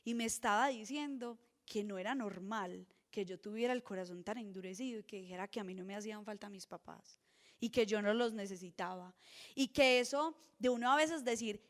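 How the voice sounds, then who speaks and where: A young woman, preaching earnestly at a retreat, moving between soft asides and emphatic points. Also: medium pitch. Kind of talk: sermon.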